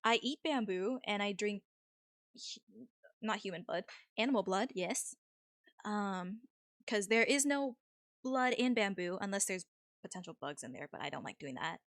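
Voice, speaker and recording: A woman's voice: mid-range voice, animated, normal speed, a bit bright, dry recording, clean studio sound. A woman livestream host talking casually and informally with her viewers.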